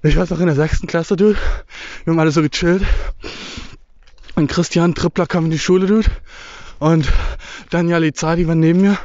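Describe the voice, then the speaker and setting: Walking through a forest, a young male vlogger talks casually and a bit out of breath, rambling in slang and mixing in English words. His fairly high, darkish voice keeps fairly even intonation at normal speed, and the recording is dry and dull.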